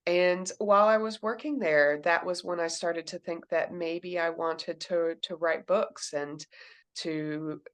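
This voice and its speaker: A woman's voice: on the low side, steady tone, slow pace. A woman in her thirties from Kentucky, a children's book author answering interview questions and explaining things simply. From Kentucky, USA.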